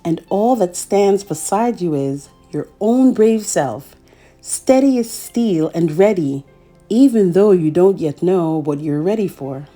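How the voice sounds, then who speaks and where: A woman's voice: lowish voice, expressive, slow, dark tone, faint music behind. A woman hosting a children's read-aloud, telling a picture-book story expressively and speaking directly to young listeners.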